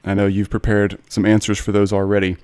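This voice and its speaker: A man's voice: lowish voice, monotone, fast talker, darkish tone, clear, resonant tone, no echo. A man in his forties hosting a podcast interview, speaking in an earnest, personal and eager way. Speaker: podcast host.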